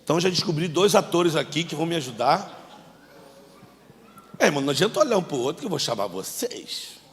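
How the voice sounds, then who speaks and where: Pastor guy running a bible skit during a sermon, yells cues and jokes around, echoey church hall. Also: a little high, very animated, brisk. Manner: coaching volunteers, shouting cues and joking. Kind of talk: sermon with a staged Bible scene.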